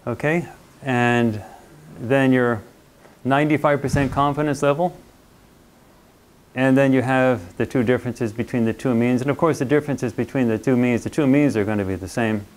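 A man's voice: medium pitch, normal speed. Chatty man lecturing a university class. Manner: conversational, checks in with students often; playful, acts out little quoted voices.

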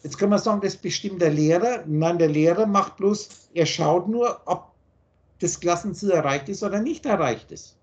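A spiritual teacher with a German accent and a high-pitched voice lectures over a video call at a moderate pace. He is blunt and insistent, hammering his points home with everyday examples.

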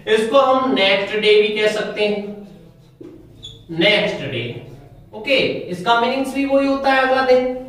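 High-voiced male teacher in an echoey room. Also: a bit bright, far from the mic. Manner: explains step by step, often asks the class questions and answers them. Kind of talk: classroom grammar lesson.

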